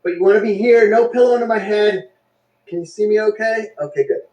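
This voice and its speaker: A man's voice: sits high, a little fast, mellow, dull audio. A man leading a breath work class, giving casual, blunt instructions with jokes and the odd swear word.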